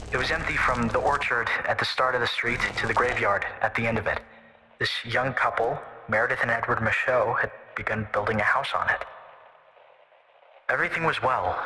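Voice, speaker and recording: This fan audio drama features a man with a bright, forceful mid-range voice as a call-in guest storyteller. His character, a touchy, terse young man, is gruff and clipped at first, then slowly recounts a local ghost story, with reverb and music in the background.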